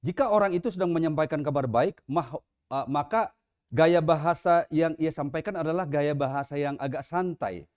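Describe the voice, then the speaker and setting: Pastor preaching a Sunday sermon in church, conversational, man with a high voice. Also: moderate pace, darkish tone. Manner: conversational, with casual example voices.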